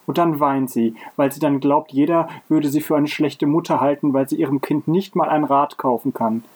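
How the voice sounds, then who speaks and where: A man's voice: on the high side, steady tone, normal speed, a little mellow, lightly acted. A man reading aloud and voicing an anxious, stubborn young boy in a storybook. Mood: fretful.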